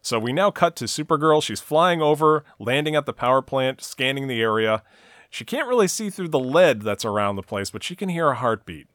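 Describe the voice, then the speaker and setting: A man's voice: medium pitch, lively intonation, a little fast, a bit bright, dry recording, studio quality. A man co-hosting a casual podcast, recapping a TV episode scene by scene with frequent "uh" and "you know". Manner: narrates the plot at length, with frequent "uh" and "you know".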